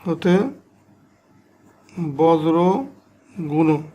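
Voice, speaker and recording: A man's voice: a little high, level tone, extremely slow, lo-fi sound. Man explaining a math lesson step by step. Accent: Bangladeshi Bengali. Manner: explains step by step, talks to students directly. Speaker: math teacher.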